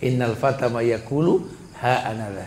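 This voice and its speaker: A man's voice: medium pitch, moderate pace, darkish tone. A man preaching a conversational, humorous sermon, reciting verses and mimicking voices to make his points. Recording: echoey room with faint background noise.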